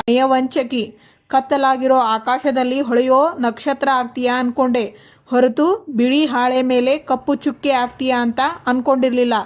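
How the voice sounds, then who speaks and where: A woman voicing a cold, accusing young husband, without lowering her high, flat voice. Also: close to an everyday voice. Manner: harsh, accusing.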